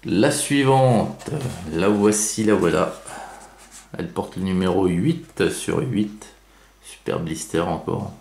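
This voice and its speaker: Man, low gravelly voice, slow chatty unboxing talk, echoey room. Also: darkish tone, a little hiss or hum. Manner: slow, chatty, with many fillers and self-corrections. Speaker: YouTube collector unboxing toy cars. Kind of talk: casual unboxing commentary.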